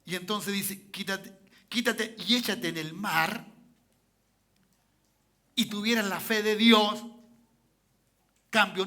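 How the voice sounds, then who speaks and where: A man preaching in a church, his voice sitting high for a man and ringing very bright and forceful. He drives his points home by repeating them and keeps checking in with his congregation. He asks them for amens as he goes. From Chile. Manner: repetitive, peppers lines with "¿cierto?" and "¿ya?". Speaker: pastor. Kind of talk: sermon.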